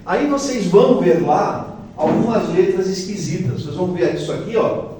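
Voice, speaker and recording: In a large hall at a spiritist center, a guest lecturer with a Brazilian Portuguese accent gives a chatty, explanatory talk with slides, often checking in with the audience. His voice sits high and animated with a dark tone at normal speed. The very echoey recording places him far from the mic, with faint noise.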